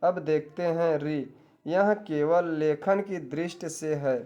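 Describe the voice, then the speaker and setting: Hindi grammar teacher, slightly high voice. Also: male voice, fairly even intonation, takes it slowly, darkish tone, muffled recording. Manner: repeats points as questions and answers them; addresses viewers directly, tells them to take notes. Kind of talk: exam-prep grammar lesson.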